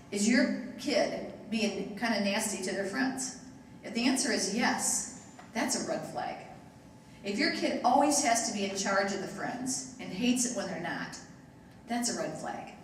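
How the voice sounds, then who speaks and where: Woman speaker addressing parents, lively storyteller, mid-pitched, picked up from afar in a reverberant hall. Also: moderate pace, a little hiss or hum. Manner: animated, acts out quoted voices. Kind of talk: storytelling presentation to an audience. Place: large hall with a live audience. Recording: echoey hall, mic at a distance.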